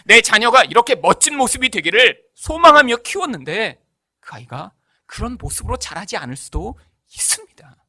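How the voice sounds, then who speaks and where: A pastor delivers a sermon in a high, sing-song voice with a sharp tone at a moderate pace, with no room sound. He keeps throwing rhetorical questions at the congregation and acts out the voices of the characters in his stories.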